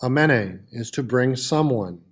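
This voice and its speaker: A man's voice: mid-range voice, lively intonation, normal speed, slightly rough. A man teaching a French lesson, patiently repeating words with frequent "uh" fillers. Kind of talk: classroom lesson.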